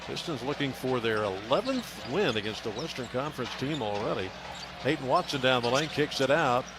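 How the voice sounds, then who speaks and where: With loud arena ambience and a bouncing ball behind him, an American man gives radio play-by-play of a basketball game. He speaks in clipped bursts, mid-range, animated and fairly quick.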